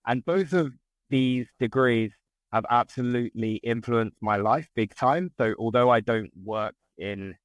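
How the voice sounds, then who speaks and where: Low-voiced southern English man, modern RP. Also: no echo, rough recording. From southern England. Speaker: interview guest, English teacher. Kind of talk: casual conversation.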